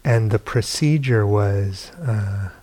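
Meditation teacher, man, lowish voice, slow relaxed storytelling with hushed asides. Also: breathy edge. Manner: slow, unhurried storytelling with soft laughs and hushed quoted asides. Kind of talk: dharma talk. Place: retreat center meditation hall.

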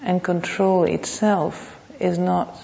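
Muffled echoey hall recording, low creaky woman w teaching meditation, thinking out loud in bits. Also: steady tone, slight background noise. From Thailand. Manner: reflective, halting, with pauses and repeated phrases. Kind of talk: unscripted dharma talk.

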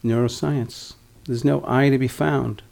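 A man's voice: mid-range voice, fairly even intonation, measured pace, creaky, a little mellow. A man in his sixties giving a dharma talk as a meditation teacher, reflective, with wry, humorous asides. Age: 60s.

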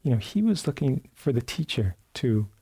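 A man giving a dharma talk at a meditation retreat, telling a story in a relaxed way with many fillers and restarts, sometimes acting out sounds and quotes. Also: mid-range voice, normal speed, vocal fry, slightly rough. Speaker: meditation teacher. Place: retreat center meditation hall.

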